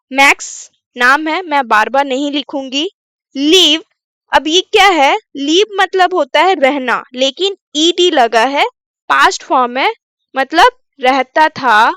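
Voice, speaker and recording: A woman teacher walks through a story one word at a time, asking and then answering her own questions. Her voice sits high and bright, and she talks slowly. The sound is dry and close. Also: no room sound. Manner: asks questions then answers them, repeats words slowly. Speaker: English teacher. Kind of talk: bilingual English reading lesson.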